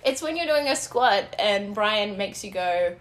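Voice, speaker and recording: A woman's voice: mid-range voice, animated, unhurried. A young woman chatting casually as a podcast guest, teasing and giggling often. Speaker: podcast guest, training client. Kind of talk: casual chat. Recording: loud background noise.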